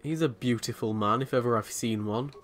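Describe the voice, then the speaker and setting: A man's voice: medium pitch, a little fast. Man joking through a game playthrough. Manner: joking and crude, talking back to the game characters. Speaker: let's play host. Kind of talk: casual gameplay commentary.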